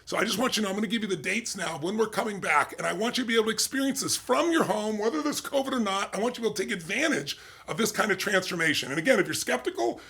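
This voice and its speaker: A man hosting and promoting his own seminar in a persuasive, eager sales pitch. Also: expressive, racing, few pauses, pushed and bright, slightly rough. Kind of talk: direct-to-camera sales pitch.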